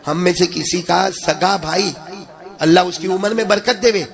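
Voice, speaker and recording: A man's voice: high-pitched, gravelly. A man preaching an emotional religious sermon, rising into chanted passages and putting questions to the audience. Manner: addresses the audience directly with questions.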